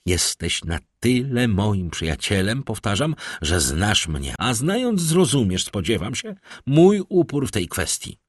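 A man's voice: low-pitched, sing-song, normal speed, no echo. Male narrator playing a heated young nobleman, insistent, audiobook, dry close sound. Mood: indignant. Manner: stiff, demanding, heated. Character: young indignant male count, proud and insistent. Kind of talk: audiobook character voice.

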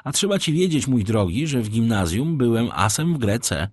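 A man's voice: medium pitch, big pitch swings, moderate pace, dry recording, studio quality. A man reading as a boastful young dandy. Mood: animated. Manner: boastful, theatrical. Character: vain, witty young Frenchman, boastful and theatrical.

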